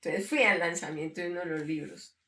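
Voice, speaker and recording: An older woman telling her story in an interview, lively and often acting out what others said. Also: lowish voice, a little fast. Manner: lively storyteller who acts out quoted dialogue and laughs often. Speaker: interviewee sharing a personal testimony. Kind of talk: conversational storytelling. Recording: roomy sound from a distant mic.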